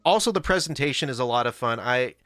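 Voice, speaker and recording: A man's voice: mid-range voice, lively intonation, fast, fairly bright tone, no echo, clean studio sound. A man hosting a casual livestream, rambling and correcting himself as he reads chat. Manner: rambling, self-correcting, laughs often. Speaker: livestream host. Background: faint background music.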